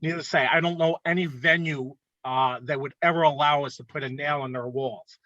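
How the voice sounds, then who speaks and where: A man's voice: a little high, steady tone, a little fast, pushed and bright, no room sound, muffled recording. Man casually explaining, checking in with "okay?". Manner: conversational, frequent "okay?" check-ins. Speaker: art club presenter. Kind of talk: casual instructional talk.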